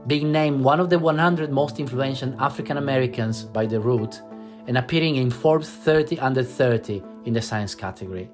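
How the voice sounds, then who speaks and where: A man hosts a podcast, reading a polished introduction in a measured, steady way before moving on to interview questions. His pitch sits in the middle range. Soft music plays faintly behind him. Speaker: podcast host.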